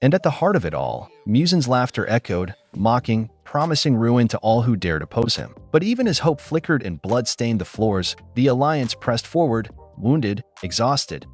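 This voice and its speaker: A man's voice: medium pitch, sing-song, normal speed, few pauses, soft background music. A man narrating a scripted action story in a dramatic storytelling manner.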